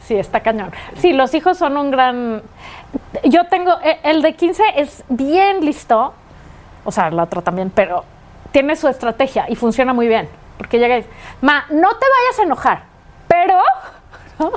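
A Mexican woman in her forties, co-hosting a casual podcast chat, animated and acting out quoted voices. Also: high voice, normal speed. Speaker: podcast co-host.

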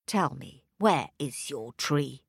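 A woman's voice: a bass voice, expressive, takes it slowly, gravelly, husky, no room sound, clean studio sound, pitched below the performer's own voice, full character voice. A woman voicing a greedy, grasping stepmother in a told fairy tale, growling, lip-smacking and demanding.

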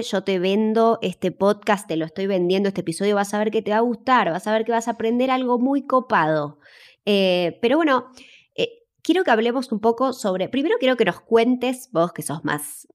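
A woman with a Rioplatense Spanish accent co-hosting a podcast, upbeat and playful as she teases her co-host. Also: medium pitch. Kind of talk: casual podcast chat.

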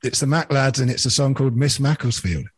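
A man's voice: medium pitch, fairly quick, slightly rough, no echo. A man co-hosting a casual podcast, reading out song lyrics for a quiz in a jokey way. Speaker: podcast co-host running a quiz. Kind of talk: casual chat.

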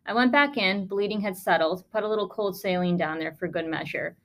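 A woman's voice: mid-range voice, brisk. A woman podcast host, a lung doctor, telling a case story in a conversational, emphatic way with sarcastic asides.

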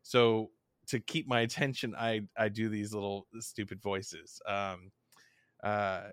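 A man's voice: on the low side, flat delivery, slow pace, a bit bright, clean tone, no room sound. Male co-host, dry close sound, chatty and self-deprecating. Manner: rambling, self-deprecating, many restarts. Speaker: podcast co-host. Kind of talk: casual podcast chat.

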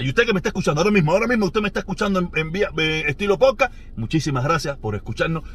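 A Cuban man with a Cuban Spanish accent hosting his podcast, who rants in an animated, mocking way and repeats himself often. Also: on the high side, slight background noise. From Cuba. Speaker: podcast host. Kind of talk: ranting commentary monologue.

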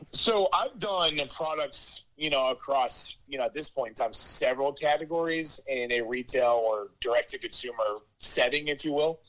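Man on speakerphone, mid-pitched, explains step by step and checks listeners follow. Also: normal speed, a bit bright, poor audio. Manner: explains patiently, often checks in with "right?" and "you know". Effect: heard over a phone on speaker. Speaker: entrepreneur giving advice by phone. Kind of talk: casual business explanation.

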